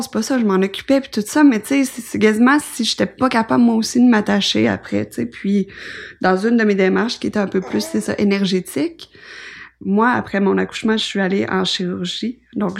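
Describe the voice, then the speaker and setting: Gravelly Québécois woman, rambling storyteller. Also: mid-range voice, brisk. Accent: Québécois French. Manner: rambling, many fillers and restarts. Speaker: guest sharing her birth story. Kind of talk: casual conversation. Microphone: podcast microphone.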